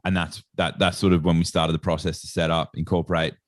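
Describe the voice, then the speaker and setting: With a deep voice and flat delivery, this Australian man speaks fast as a podcast guest and sports nutritionist. His casual, rambling stories are packed with "like" and "sort of," captured in clean studio sound without any room tone.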